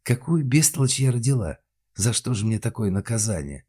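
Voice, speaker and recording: A man's voice: moderate pace, warm tone, breathy edge. A man voicing a bossy, scheming older mother who scolds her daughter. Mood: scolding. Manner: shrill scolding, then fawning.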